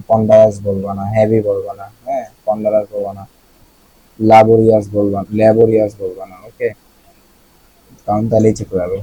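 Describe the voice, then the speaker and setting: Husky-voiced Bangladeshi man teaching words. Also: lowish voice, warm tone, no echo, rough recording. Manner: casual, repeats words, asks the listener questions. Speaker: vocabulary teacher. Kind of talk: explaining vocabulary.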